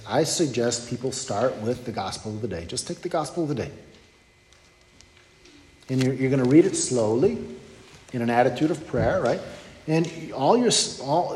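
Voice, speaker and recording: A man's voice: medium pitch, a little mellow, slight background noise. A man giving a sermon in a conversational teaching manner, often checking in with his listeners. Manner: conversational teaching with frequent "okay?" and "you know". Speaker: preacher. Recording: echoey hall with long reverb.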